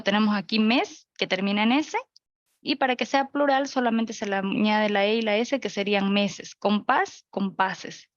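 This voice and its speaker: A woman's voice: medium pitch, dry recording, dull audio. A young woman teaching an online class. She goes through examples one by one and checks in with her listeners. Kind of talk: virtual grammar lecture. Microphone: video call.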